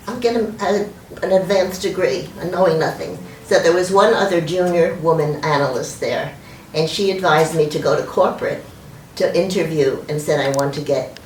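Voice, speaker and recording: Low-voiced older woman recalling her career. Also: slight background noise. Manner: chatty, self-correcting. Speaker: interviewee. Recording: echoey room, far from mic.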